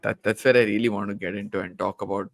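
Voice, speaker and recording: A man's voice: fairly low pitch, fairly even intonation, fast talker, creaky, dry recording. A man co-hosting a film podcast in casual discussion, hedging with restarts and tag questions like "right?". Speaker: podcast co-host.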